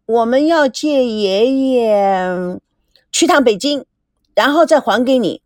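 A woman's voice: on the high side, lively intonation, slow pace, no echo, studio quality. A woman reading aloud and voicing a willful, headstrong teenage girl who insists and pouts. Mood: wilful, pleading. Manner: insistent, pouting, sharp outbursts.

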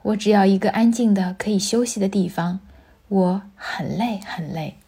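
A woman's voice: mid-range voice, moderate pace, dark tone, husky. A woman playing a wanting boy grown weary. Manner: plain, weary. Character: boy who grows into a tired old man, always wanting more.

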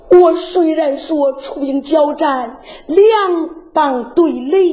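A woman's voice: sits high, warm tone. A woman voicing a young warrior daughter who pleads tearfully with her father.

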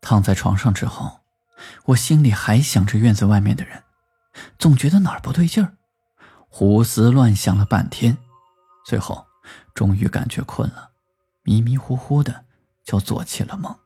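A man narrating a first-person rural horror story in a lively storytelling manner, lifting his voice for the quoted lines. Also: mid-range voice, moderate pace, vocal fry, long pauses, husky.

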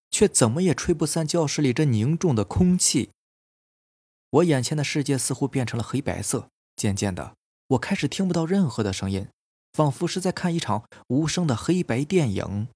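A man calmly narrating a first-person horror story as a podcast storyteller, with a husky voice. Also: a little high, moderate pace, no echo. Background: faint eerie background music.

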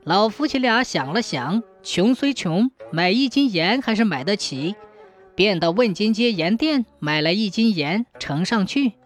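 A woman narrating a scripted folk tale in a lively, expressive storytelling manner. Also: mid-range voice, unhurried, soft background music.

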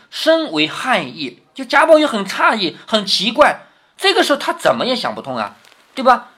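A man's voice: sits high, bright, forceful tone, husky. A man retelling a classic novel for children in a casual way, stopping often to explain and to ask the listener 'right?'. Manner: explains as he goes, tag questions to the listener.

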